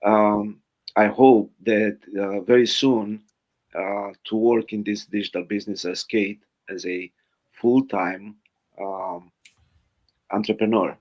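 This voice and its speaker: A man's voice: on the low side, fairly even intonation, slow, darkish tone. A man with a Romanian accent, a guest on a live online interview, speaking earnestly with many hesitations.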